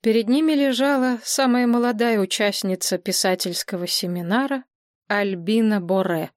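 A woman narrating an audiobook in an even, measured storytelling voice. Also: mid-range voice, no room sound, studio quality.

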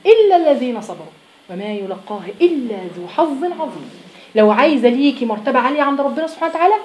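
A woman with an Egyptian Arabic accent gives a religious lesson to a group of women. Her voice is high and she talks fast and emphatically, putting questions to her listeners and pushing into loud exhortation. The room adds a clear echo. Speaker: religious teacher.

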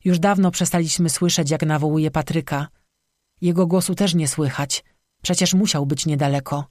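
Numb young woman, flat and insistent voiced by the narrator, dry sound. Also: medium pitch, normal speed, no echo, lightly acted. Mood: numb certainty.

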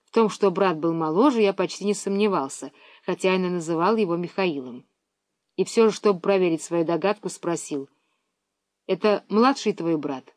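Woman reading a kids story aloud, calm even tone, dry recording. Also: lowish voice, brisk, no room sound. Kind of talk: audiobook reading of a children's story.

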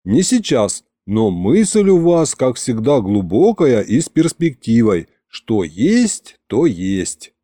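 A man reading an audiobook, voicing a cheeky young male courtier who flatters eagerly and sounds excitable. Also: medium pitch, takes it slowly, few pauses, dry recording, clean studio sound. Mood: eager flattering.

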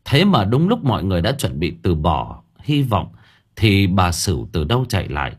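A man narrating an audiobook story with dramatic, expressive delivery. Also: low voice, moderate pace, slightly rough.

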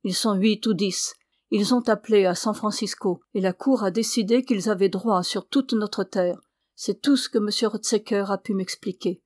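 A woman's voice: mid-range voice, a little mellow, dry recording, clean studio sound, lightly acted. A woman reading a worn-out, grieving young man. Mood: bitter. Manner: halting, subdued. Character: young man, exhausted, grief-stricken, bitter.

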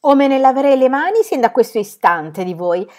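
A woman reading an audiobook, voicing a stern, domineering older aunt who scolds loudly and with emphasis. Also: on the low side, normal speed, lightly acted. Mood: scolding.

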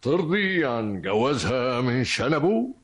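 An actor playing a sly, pompous psychology professor in an old Egyptian radio drama, with an Egyptian accent and a mock-polite, sneering manner. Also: male voice, medium pitch, sing-song, a little slow. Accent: Egyptian Arabic. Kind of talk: vintage radio drama acting.

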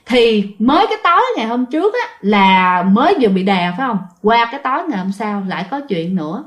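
A woman's voice: mid-range voice, sing-song, fairly quick. A woman with a Southern Vietnamese accent, casually telling a ghost story and speaking straight to her listeners. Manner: chatty, addresses listeners directly, frequent fillers.

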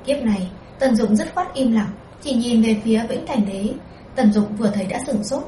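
Mellow woman narrating a novel. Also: fairly high pitch, reverberant, recorded from a distance, slight background noise, rough recording. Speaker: audiobook narrator.

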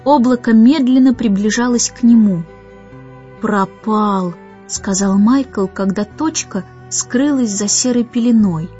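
Woman narrator, storybook reading, expressive measured delivery, fairly high voice, dull lo-fi sound, faint music. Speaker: audiobook narrator.

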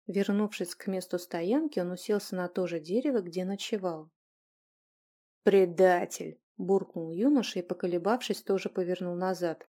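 A woman reading an audiobook in an even storytelling manner. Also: on the low side, fairly quick, hardly any pauses. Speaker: audiobook reader. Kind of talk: scripted narration.

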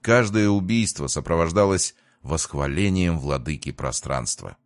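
A man calmly narrating a first-person audiobook in a measured way. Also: deep voice, no room sound, studio quality.

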